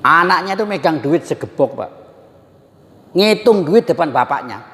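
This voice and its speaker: A man teaching a religious study class in a lively, joking way, often turning to address his listeners directly. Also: a little high, moderate pace, a little hiss or hum. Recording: long hall reverb.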